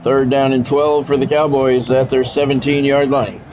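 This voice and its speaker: A man with a mid-range voice and flat delivery streams a football video game at normal speed, calling it live through clipped, practiced announcer phrases and casual, offhand asides. Faint music plays behind him. The recording is dull and lo-fi, with faint background noise.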